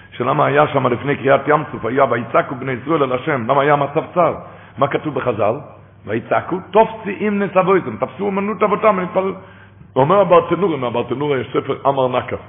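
A man preaching a sermon, moving between hushed storytelling and loud, impassioned outbursts, and chanting quoted verses slowly. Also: mid-range voice, animated, gravelly. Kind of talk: sermon on scripture. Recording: tinny phone-like sound with long hall reverb.

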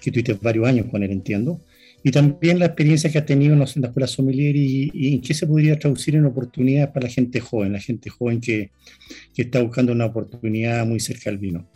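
Fast, dark-voiced courteous man. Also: medium pitch, husky, faint music behind. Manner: courteous, long-winded questions. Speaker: co-host. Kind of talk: casual interview talk.

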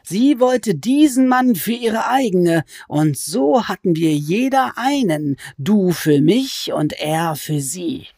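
A woman voicing a sly, menacing male goblin who is a fanatically loyal servant, speaking in a slow, drawn-out, hissing way. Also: medium pitch, expressive, mellow, no room sound, studio quality, pitched above the performer's own voice. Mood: insistent, greedy.

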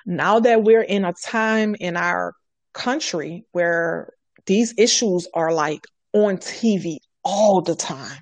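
A woman's voice: lowish voice, slow pace, no echo. A woman on a podcast talking earnestly, repeating her points for emphasis. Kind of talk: casual podcast conversation.

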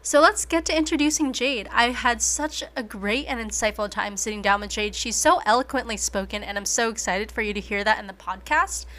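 A young American woman in her twenties hosts a casual podcast interview, upbeat and chatty. Her voice is on the high side and fairly bright, and she speaks briskly with few pauses.

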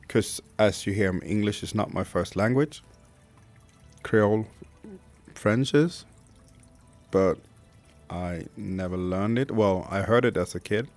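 A podcast host from Sweden, in his thirties, talks in a lowish, slightly mellow voice with a Swedish accent. His monologue is candid and reflective, peppered with casual swearing.

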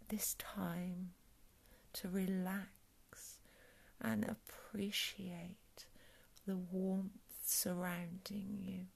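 A woman with a soft, calm whisper, guiding a breathing meditation in a soothing ASMR style. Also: medium pitch, vocal fry, slightly rough. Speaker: meditation guide.

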